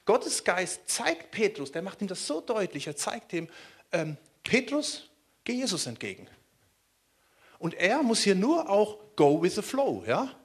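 A man from Germany preaching a sermon in a lively way, often turning to ask his listeners questions. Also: high-pitched, unhurried, slightly rough. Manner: animated, asks the listeners questions.

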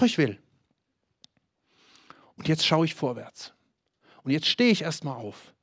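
A man's voice: fairly high pitch, no room sound, studio quality. A man preaching a sermon with urgency, challenging listeners directly and acting out the voices of their excuses.

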